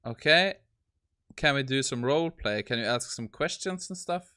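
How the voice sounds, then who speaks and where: A tech livestream host with a medium-pitched, smooth, pushed and bright voice tests a voice assistant on a casual stream. He's expressive and talks at a normal speed, sounding both amused and exasperated, with laughing asides.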